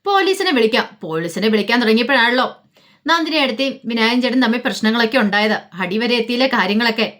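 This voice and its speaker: A woman's voice: fairly high pitch, fast, a bit bright. A woman casually retelling a family drama in loose, chatty narration, slipping in fillers and quoted dialogue. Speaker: storyteller.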